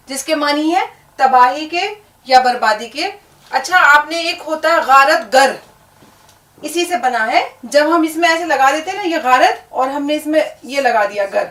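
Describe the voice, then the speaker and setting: A woman with a high voice teaches a language lesson, spelling words out patiently and repeating them for the learner. She keeps checking in with a quick "right?" as she explains. The sound is roomy and echoing, picked up from a mic some distance away. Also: fairly bright tone. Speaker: Urdu teacher. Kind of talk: classroom lesson on letters and words.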